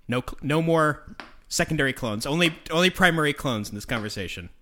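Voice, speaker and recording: A man's voice: on the high side, expressive, fairly quick, pushed and bright. A man in casual comedic banter while gaming, rambling and restarting his sentences.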